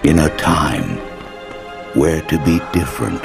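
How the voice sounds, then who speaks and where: An actor playing a grave, ominous movie trailer narrator, portentous and pausing dramatically. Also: male voice, extremely low pitch, very animated, gravelly, heavily acted. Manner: portentous, long dramatic pauses. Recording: loud music under the voice.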